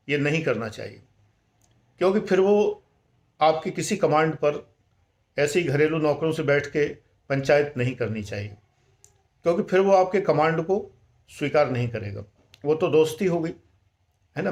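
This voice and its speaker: Older man, measured advice talk, English words mixed in, somewhat high pitch. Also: darkish tone. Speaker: life management speaker.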